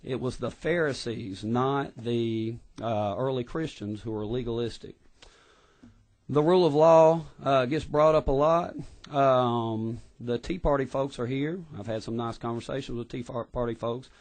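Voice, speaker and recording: A man's voice: mid-range voice, measured pace, darkish tone. Earnest man testifying. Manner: earnest and impassioned, with frequent restarts. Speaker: public witness at a legislative hearing. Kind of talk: formal testimony. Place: hearing room.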